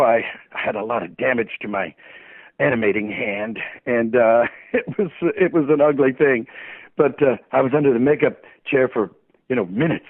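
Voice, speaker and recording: A man's voice: medium pitch, dry recording. A man from New Orleans, a voice actor guest, telling jokey stories with chuckles over the phone. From New Orleans, USA. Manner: playful, jokey storyteller with frequent chuckles. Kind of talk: phone interview chat. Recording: tinny dry phone line.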